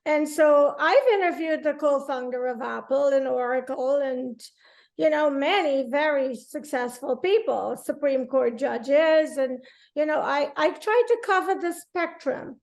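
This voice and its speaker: A woman's voice: high voice, unhurried, creaky, a little mellow. A woman hosting an interview, speaking earnestly in long flowing runs. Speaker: podcast host.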